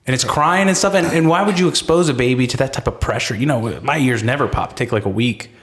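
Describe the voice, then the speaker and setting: A man's voice: mid-range voice, fast. A man co-hosting a podcast, ranting with emphasis and plenty of swearing in casual chat. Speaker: podcast co-host.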